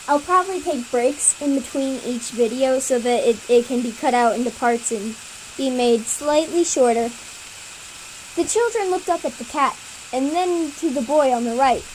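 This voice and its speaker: High-voiced young reader with a hissy home recording. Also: a little mellow, rough recording. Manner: self-conscious, breaks off to comment and laugh at own writing. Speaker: reader of their own story. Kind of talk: reading a homemade story aloud.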